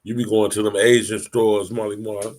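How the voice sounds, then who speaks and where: A man on a casual podcast panel, talking in a measured, matter-of-fact way. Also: fairly low pitch, level tone, a little mellow. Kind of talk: casual chat.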